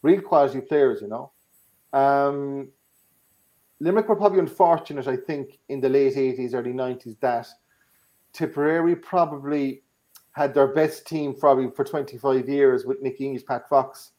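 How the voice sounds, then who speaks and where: A man's voice: medium pitch, normal speed, highs cut off. An Irish man chatting casually about sport, thinking aloud with some hesitancy.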